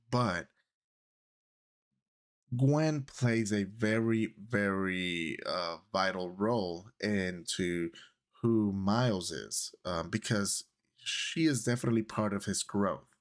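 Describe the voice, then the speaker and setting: A man with a low, slightly bright voice, whose first language is Spanish, talks to camera as a vlogger about a film he adored. He keeps it casual, using plenty of fillers and often correcting himself.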